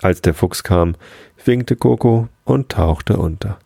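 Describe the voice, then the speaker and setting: A man hosting a podcast, calmly reading a bedtime story aloud on a close mic. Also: low-pitched, slow pace, vocal fry, breathy edge, dry recording. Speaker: podcast host and story reader.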